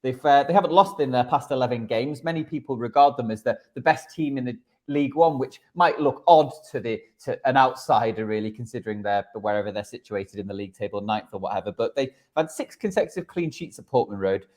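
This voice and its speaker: Male football podcast tipster, mid-pitched voice, chatty analytical delivery with stammered repeats. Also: fairly quick, darkish tone. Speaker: football betting podcast host giving tips. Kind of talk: conversational sports tipping and analysis.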